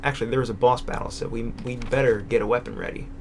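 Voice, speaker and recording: A gaming channel co-host talks fast in a steady, mid-range voice during a casual let's-play, playfully teasing his partner and explaining what he's doing in the game. A faint hiss or hum runs under the audio.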